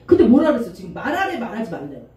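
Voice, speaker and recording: A middle-aged woman pastor preaching a sermon, animated and often acting out the voices of the people in her stories. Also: fairly high pitch, fast, lo-fi sound. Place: church sanctuary. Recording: echoey church room from a distance, faint noise.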